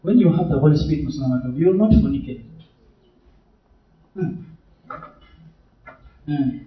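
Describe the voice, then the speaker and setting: A man's voice: a little high, a little slow, highs cut off. A young man preaching at a retreat Q&A, exhorting the audience directly and laughing often. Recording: echoey hall, mic far off.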